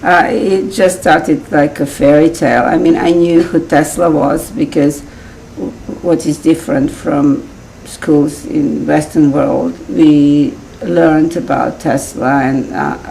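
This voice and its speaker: A woman's voice: deep voice, vocal fry, dark tone, a little hiss or hum, low-quality recording. A woman with a Serbian accent, a guest in an interview, telling her story in a chatty way with frequent laughs. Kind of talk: casual interview chat.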